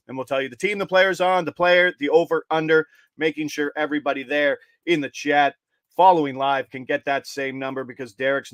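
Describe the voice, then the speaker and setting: A man hosting a live betting stream, rattling off picks in quick, energetic patter. His voice sits a little high for a man. The sound is dry and close to the mic. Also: no echo. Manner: fast, energetic, upbeat patter. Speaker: betting show host.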